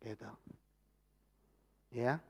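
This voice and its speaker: A middle-aged man with a Javanese accent preaching a sermon with personal testimony, animated, swinging from loud exclamations to hushed asides. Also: very slow. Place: church hall. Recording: long church hall reverb.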